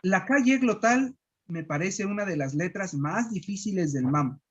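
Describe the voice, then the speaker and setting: Un profesor de Guatemala que enseña pronunciación con calma, repitiendo sílabas despacio. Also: medium pitch, dull audio, a little hiss or hum. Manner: patient, repeats syllables slowly. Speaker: language teacher. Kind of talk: slow pronunciation lesson.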